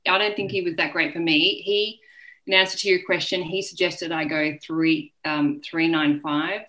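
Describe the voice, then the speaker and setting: Woman, early forties, low-pitched, candid animated storyteller, interview guest. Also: normal speed, low-quality recording. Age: early 40s. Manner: frank, animated, acts out quoted voices. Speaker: author guest.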